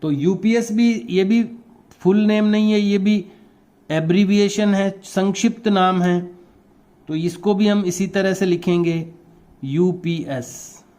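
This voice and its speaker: A man's voice: sits high, fairly even intonation, unhurried, warm tone. A male teacher with a Rajasthani Hindi accent, giving a classroom lesson to young pupils, patiently explaining and spelling words out letter by letter. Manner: explains patiently and repeats terms.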